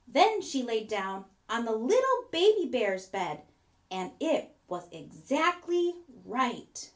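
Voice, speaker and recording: High, lively woman storyteller. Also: slow pace. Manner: expressive storybook emphasis. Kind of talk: scripted children's fairy-tale narration.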